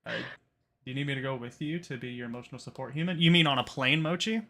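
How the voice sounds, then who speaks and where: A man's voice: mid-range voice, fast, sharp tone. A man hosting a casual podcast, rambling with lots of fillers and swearing freely. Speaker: podcast host. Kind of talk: casual chat.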